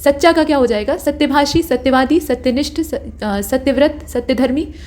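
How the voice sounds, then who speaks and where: A woman teaching an exam-prep grammar lesson, reading through word lists at a steady pace and stopping for short corrections. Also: high-pitched, normal speed.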